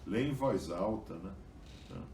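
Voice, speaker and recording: A man's voice: fairly low pitch, lively intonation, measured pace, creaky, darkish tone, echoey room, far from the mic, slight background noise. A man giving a Bible study lecture, tagging his sentences with "tá?" and "né?" and reading passages aloud with emphasis. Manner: frequent "tá?" and "né?" tags, reads passages aloud with emphasis. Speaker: religious teacher.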